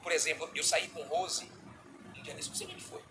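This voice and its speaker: A middle-aged man with a Brazilian Portuguese accent preaching a sermon as a bishop, animated, acting out little dialogues. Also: a little high, brisk, background noise.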